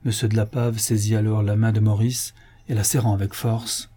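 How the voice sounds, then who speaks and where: A man narrating a classic novel in a measured literary reading. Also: on the low side, little pitch movement, warm tone, slightly rough. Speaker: audiobook narrator. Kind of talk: scripted narration.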